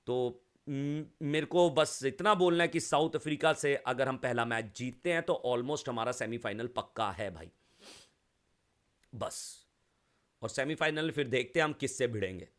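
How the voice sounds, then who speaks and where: A man's voice: medium pitch, measured pace, a bit bright. A young man from India talking cricket in a casual, chatty way, often calling the viewer brother. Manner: chatty, keeps saying bhai and bro. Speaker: cricket commentator.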